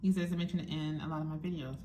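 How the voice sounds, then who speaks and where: A woman's voice: sits low, fairly even intonation, rapid-fire, warm tone, slight background noise. A young woman chatting casually to her viewers, talking while she eats, frank and musing. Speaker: vlogger. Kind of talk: casual chat to camera.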